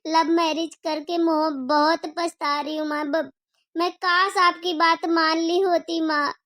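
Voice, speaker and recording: A high, tearful young daughter in a homemade cartoon story, as a woman acts her out. She speaks slowly and pleadingly with a dry, close sound. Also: little pitch movement, a bit bright, no room sound, heavily acted. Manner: sobbing, slow and pleading.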